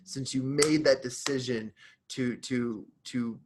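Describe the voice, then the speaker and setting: A man's voice: mid-range voice, steady tone, takes it slowly, darkish tone. A male podcast host, effusive and enthusiastic as he wraps up an interview. He keeps stumbling into repeated restarts before pressing on with his point. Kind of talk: casual interview wrap-up.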